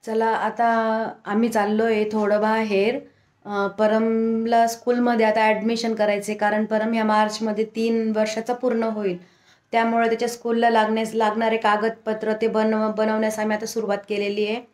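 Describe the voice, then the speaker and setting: A woman's voice: on the high side, completely flat delivery, moderate pace, a little mellow, echoey room. A woman vlogging casually at home, talking to viewers and playfully coaxing a small child.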